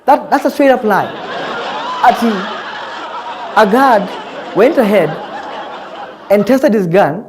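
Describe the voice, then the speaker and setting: Laughing Kenyan comedy host, lively pitch. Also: male voice, takes it slowly, pauses often, some chatter behind, a little hiss or hum. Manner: mocking, laughing, incredulous. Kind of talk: satirical commentary.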